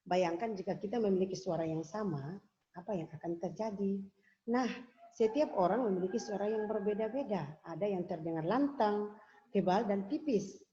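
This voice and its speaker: A woman teaching young pupils in a recorded lesson, explaining patiently, repeating herself and pausing with fillers. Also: mid-range voice, dark tone. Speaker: religious school teacher. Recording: dull lo-fi home video audio.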